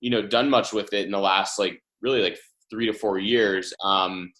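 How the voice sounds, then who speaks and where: A man's voice: lowish voice, steady tone, moderate pace, a bit bright. A man hosting a podcast, asking long, wandering questions with many restarts. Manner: asks long, rambling questions, full of restarts. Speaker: podcast host. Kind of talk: interviewing a guest.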